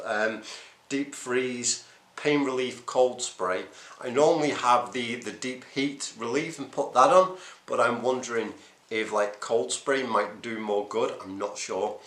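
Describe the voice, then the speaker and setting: A man's voice: medium pitch, measured pace, fairly bright tone, reverberant. A man recording a casual, hesitant video diary, thinking aloud as he talks. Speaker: runner vlogging his race preparation.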